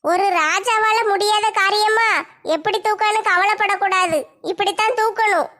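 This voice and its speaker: A woman voicing a possessed village woman who acts as a pompous king, speaking slowly and grandly. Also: very high-pitched, steady tone, sharp tone. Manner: slow, pompous, demanding. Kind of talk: comedy skit voice acting.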